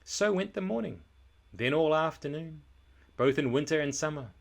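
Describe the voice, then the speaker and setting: A man with a gravelly voice on the high side narrates a children's storybook, performing it in an expressive, scripted way and stressing words with deliberate drama.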